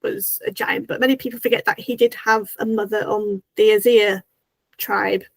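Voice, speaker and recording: A woman's voice: mid-range voice, steady tone, normal speed, vocal fry, no echo, poor audio. A woman hosting a casual review discussion, talking enthusiastically, quoting dialogue and using lots of "kind of like" fillers. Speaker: host.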